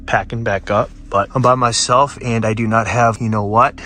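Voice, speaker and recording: A man's voice: medium pitch, fairly even intonation, normal speed, bright, forceful tone, faint music behind. A man talking casually and a bit hesitantly to camera, uneasy, inside a van. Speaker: solo camper vlogger.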